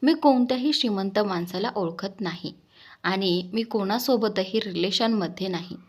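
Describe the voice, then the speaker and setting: A woman's voice: medium pitch, normal speed, a little mellow, husky, lightly acted. A woman voicing a brave, defiant young heroine in an audio story, who sounds frightened but stands firm.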